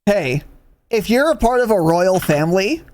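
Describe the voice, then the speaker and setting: A man's voice: high voice, sing-song, moderate pace, slight background noise. A young man co-hosting a podcast, talking in a casual, profane, mock-exasperated way. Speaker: podcast co-host.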